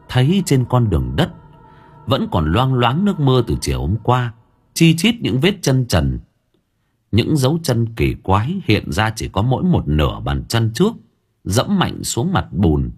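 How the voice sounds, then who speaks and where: A man narrating a spooky village story dramatically, dropping to hushed lines and rising again. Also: husky. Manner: dramatic, swinging between hushed low lines and raised ones. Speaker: audiobook narrator.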